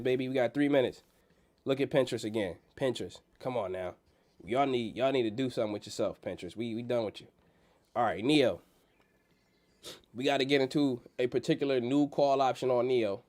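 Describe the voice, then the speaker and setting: A man's voice: mid-range voice, a little mellow. A man with a blocked-nose nasal sound hosting a casual livestream on the stock market, talking in slang and repeating phrases for emphasis. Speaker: livestream host.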